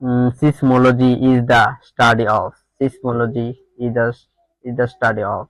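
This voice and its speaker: With a Bangladeshi accent, a man teaches exam prep by reading quiz questions aloud and muttering answers to himself, repeating words as he thinks. His medium-pitched voice is level and very slow, and the recording is rough with no echo.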